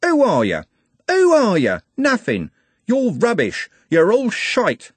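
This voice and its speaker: Man acting a raging young street lad, high-pitched shouting. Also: huge pitch swings, slow pace, breathy edge, no echo, full character voice. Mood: furious, anguished. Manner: shouting, swearing, scornful. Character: furious grief-stricken young street lad defending his friend.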